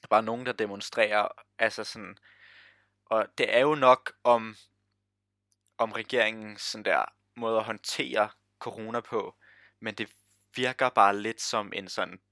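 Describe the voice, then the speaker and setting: A man's voice: fairly low pitch, steady tone, long pauses, sharp tone, no echo. Laid back guy chatting, mostly just short replies, dry recording. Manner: easygoing, short replies and backchannels. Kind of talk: casual chat.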